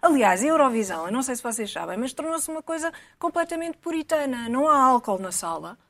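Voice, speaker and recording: A woman's voice: high voice, very animated, quick pace, fairly bright tone. A woman with a European Portuguese accent co-hosting a casual panel chat, dry and ironic in manner. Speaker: talk show co-host.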